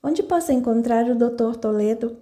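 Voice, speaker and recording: A woman's voice: on the high side, moderate pace, mellow, lightly acted. A woman voicing a worried, humble male farmhand in an audiobook.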